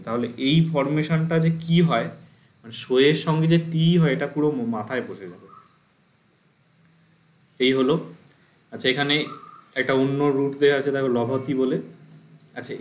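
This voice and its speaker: Man, teacher, exam-prep grammar lesson, step-by-step explanations, recited drills, average pitch, reverberant room. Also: slight background noise.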